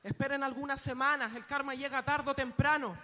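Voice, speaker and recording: A man's voice: very high-pitched, fairly even intonation, fairly quick, slight background noise. A man rapping freestyle in a live battle, throwing mocking rhymed jabs with playful sound effects. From Chile. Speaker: battle rapper. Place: live event stage. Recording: loud hip hop beat behind the voice. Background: loud hip hop beat.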